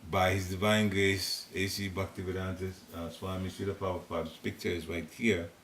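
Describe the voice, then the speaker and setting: A low-sitting voice with a flat delivery, normal speed, and a slightly bright tone comes from an older Ghanaian man with a Ghanaian accent. He leads a devotional class in a private home's living room, teaching spiritual matters informally in a chatty, rambling way with chuckles. A distant room recorder catches him seated, yielding roomy sound and faint hiss.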